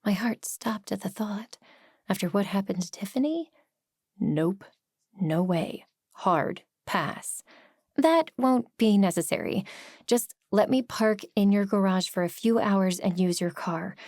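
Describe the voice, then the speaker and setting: A woman reads a first-person mystery novel in a brisk, expressive way on a studio microphone. The sound is dry and close, her pitch in the middle range, with breathy whispers at tense moments. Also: dry recording. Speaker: audiobook narrator.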